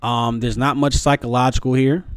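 A man in his thirties reviews casually with dry disdain. His pitch is average for a man, and he repeats words haltingly. The sound is close and dry, with little room echo. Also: level tone, smooth. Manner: dryly dismissive. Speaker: video commentator. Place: small room at home. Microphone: close desk microphone, headphones on.

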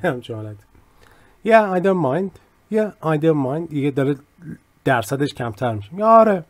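A man teaching an English vocabulary lesson, explaining in Persian and saying the English example phrases slowly and clearly. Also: fairly high pitch, a little mellow.

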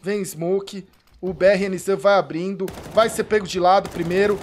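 A man with a Brazilian Portuguese accent giving excited live commentary on an esports match, breaking into shouts at big plays and repeating pleas for calm. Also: high voice, moderate pace, slight background noise. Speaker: streamer casting an esports match.

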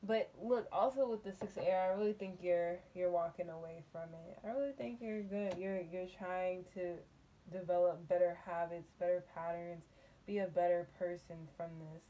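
A woman giving a casual tarot reading, musing and unhurried, humming and laughing softly between thoughts, from a table in a small dim room. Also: fairly low pitch, fairly even intonation, muffled recording. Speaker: tarot reader.

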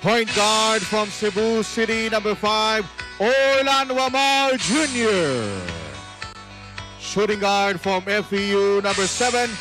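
A Filipino man works as a booming arena hype announcer. His pitch is extremely high and his delivery slow, drawing out each name over clearly audible music. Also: fairly even intonation. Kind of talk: live sports arena introductions. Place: large indoor sports arena.

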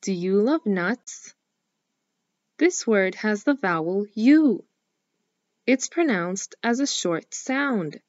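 A woman teaching a scripted phonics lesson for young children, speaking slowly and clearly in an encouraging way. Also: mid-range voice, animated, dry recording, highs cut off. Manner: slow, clearly enunciated, encouraging.

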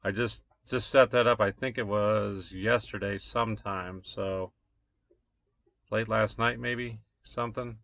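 Man, 40s, low-ish gravelly voice, casual screen-share vlogger, lo-fi dull sound. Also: steady tone, a little slow, a bit bright, dry recording. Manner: rambling, reads numbers aloud with many "um"s. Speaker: crypto mining vlogger. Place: small room at a desk. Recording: dull lo-fi desk recording.

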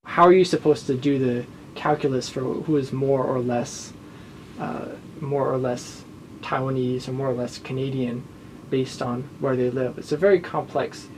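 A man's voice: mid-range voice, fairly even intonation, moderate pace, a little mellow, a little hiss or hum, rough recording. A man in his thirties, a professor, explaining ideas in an interview in an office, restarting phrases as he goes. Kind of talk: interview answer. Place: office, indoors.

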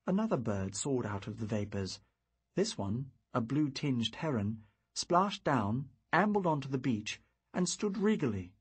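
A man reading a fantasy audiobook in the first person, with measured, reflective storytelling. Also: medium pitch, husky. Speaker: audiobook narrator.

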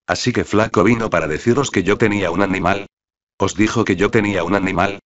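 A man's voice: lowish voice, fast talker, a bit bright, lightly acted. A man voicing an indignant young boy who answers in a sullen, defensive way. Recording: dull lo-fi audiobook recording.

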